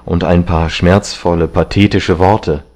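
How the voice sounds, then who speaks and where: A man's voice: deep voice, fairly even intonation, a little slow, darkish tone. A man reading an audiobook, voicing a vain, agitated young man who talks in a heated, raised voice. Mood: wistful.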